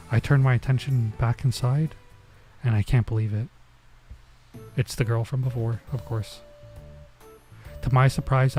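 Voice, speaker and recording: In a poorly recorded let's play, a man reads a visual novel's text aloud and reacts casually with bemused asides. His voice is mid-range with a dark tone, and game music plays beneath it.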